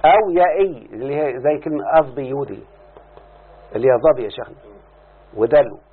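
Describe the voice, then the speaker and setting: A man's voice: mid-range voice, lively intonation, fast talker, breathy edge. A man with an Egyptian accent teaching a grammar lesson, drawing out key words and asking his students to confirm each step. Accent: Egyptian Arabic. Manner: repeats questions to students, stretches out key words. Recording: phone-like lo-fi recording.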